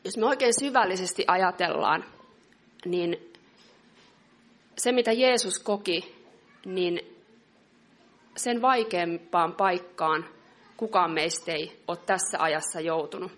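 Middle-aged woman preaching, earnest and measured, slows way down for scripture. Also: lowish voice, a bit bright. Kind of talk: sermon.

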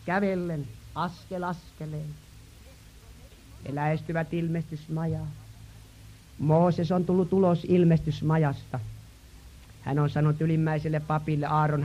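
A man preaching a dramatic sermon story, swinging from hushed tones to impassioned shouting. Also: fairly high pitch. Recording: dull lo-fi sound.

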